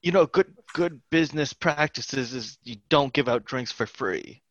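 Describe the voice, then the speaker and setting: A man's voice: medium pitch, unhurried, lo-fi sound. A man chatting casually and improvising as a player in a tabletop game. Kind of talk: casual chat, improvised role-play.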